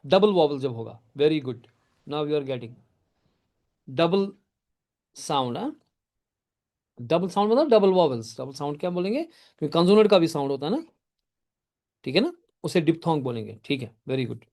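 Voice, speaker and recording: A man's voice: fairly high pitch, sing-song, moderate pace, long pauses, darkish tone. A male teacher lecturing a live class, explaining step by step, often checking that students follow, and praising their answers. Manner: addresses students by name and answers their typed questions.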